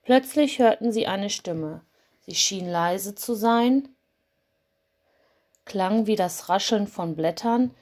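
A woman reading a children's Christmas story aloud in a calm, gentle way. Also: medium pitch, slow, long pauses. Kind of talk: storybook narration.

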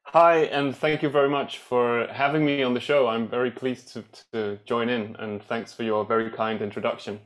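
A man's voice: medium pitch, steady tone, moderate pace, hardly any pauses. A man from Denmark, a guest accordionist on a podcast, telling his story thoughtfully with many fillers and restarts. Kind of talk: podcast interview.

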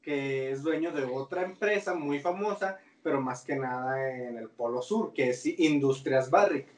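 Recorded from a distance with a roomy sound, this mid-range male voice keeps a measured pace. The podcast co-host has a Mexican Spanish accent and uses slang in a laid-back talk about a cartoon series, frequently starting his sentences over.

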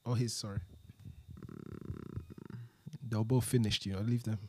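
A man's voice: on the low side, flat delivery, moderate pace, dark tone, dry recording. A young man with a London roadman accent, chatting and joking casually with friends in street slang.

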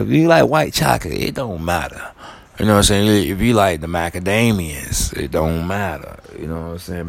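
A man hosting a podcast in casual, slangy chat, drawling and swearing freely between songs, with a sleepy-sounding voice. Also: low-pitched. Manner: calls himself sleepy-voiced. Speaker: podcast host.

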